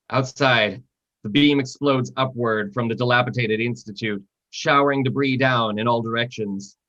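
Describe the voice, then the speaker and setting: A man's voice: medium pitch, fairly bright tone. Lo-fi man narrating stage directions. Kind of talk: reading screenplay stage directions. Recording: dull lo-fi sound.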